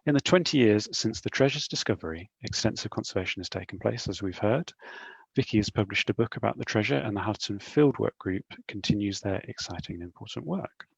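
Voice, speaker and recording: A man's voice: fairly low pitch, expressive, a little fast, gravelly, breathy edge, dry recording, highs cut off. A man moderating a panel discussion, polite and a little tongue-tied, introducing the next question.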